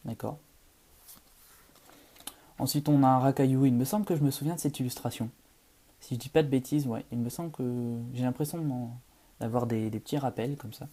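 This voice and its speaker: A young man chatting casually on camera as he opens a collectible card pack, halting and full of fillers. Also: mid-range voice, mellow. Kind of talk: casual unboxing chat.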